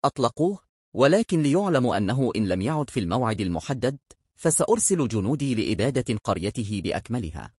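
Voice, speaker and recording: A man voicing a stern, quick-tempered king. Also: medium pitch, big pitch swings, darkish tone, breathy edge, no room sound, studio quality. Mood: scornful. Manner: stern, commanding.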